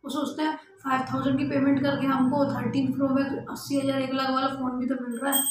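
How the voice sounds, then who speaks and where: A young adult woman with a high, level voice talks fast, explaining things casually and directly to her viewers as a vlogger. It's an awareness talk to camera from a small room at home, recorded with heavy echo and faint noise.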